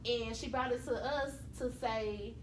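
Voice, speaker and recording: A woman hosting a casual podcast chat, animated and quick to laugh, reading out listener comments. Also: a little high, roomy sound, slight background noise. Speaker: podcast host.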